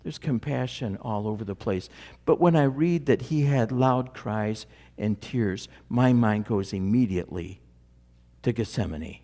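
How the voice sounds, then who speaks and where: A man preaching a sermon, dramatic in his delivery and dropping to a near hush at key moments. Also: on the low side, unhurried. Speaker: pastor.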